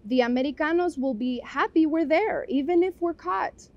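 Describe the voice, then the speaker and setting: A woman's voice: high voice, normal speed, highs cut off, pitched above the performer's own voice. A woman voicing a determined young village woman who leads her friends, speaking in an earnest, rallying way.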